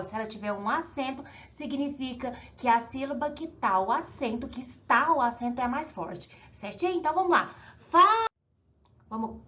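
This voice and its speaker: A primary school teacher with a Brazilian Portuguese accent leads a recorded classroom lesson for young children. Her high voice is sing-song, she stretches out example words, and she checks in with the pupils often. The recording sounds muffled.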